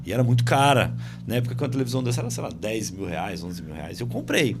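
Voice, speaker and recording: A man's voice: mid-range voice, very animated, quick pace. Man, podcast host, casual storytelling, lots of fillers, home studio, music behind. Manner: conversational, many fillers, acts out family dialogue.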